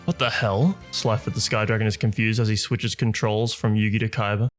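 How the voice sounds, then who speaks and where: A man giving plain, even scripted narration of a story over faint music. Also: fairly low pitch, fairly quick. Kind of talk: scripted narration of fan fiction.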